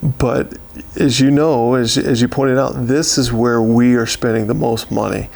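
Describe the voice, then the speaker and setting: Gravelly American man, steady and halting. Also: mid-range voice. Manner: steady, halting delivery with many pauses and repeated words. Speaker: county sheriff giving a year-in-review. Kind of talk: unscripted interview talk.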